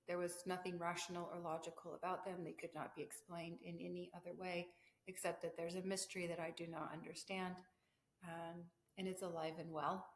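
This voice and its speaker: A woman hosting her own podcast in a candid, reflective way, her voice sounding metallic like in a tin can from the room's echo. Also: fairly low pitch. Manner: reflective, candid, with fillers and self-asides. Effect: metallic tin-can sound from room echo. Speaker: podcast host. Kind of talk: casual solo podcast talk. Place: living room with vaulted ceiling. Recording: echoey tin-can sound in vaulted living room.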